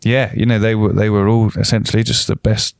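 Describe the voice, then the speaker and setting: A man's voice: fairly low pitch, level tone, brisk, gravelly, clear, resonant tone, dry recording, studio quality. A young man, a film director, talking casually on a podcast with lots of fillers and restarts. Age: young adult. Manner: rambling, many fillers and restarts.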